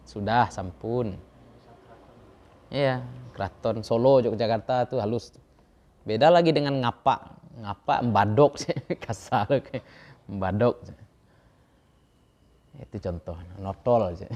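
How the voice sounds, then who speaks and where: A man's voice: mid-range voice, darkish tone, highs cut off. A man teaching an Arabic grammar class, chanting verb conjugations in a rhythm and joking about regional dialects. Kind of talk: classroom lecture.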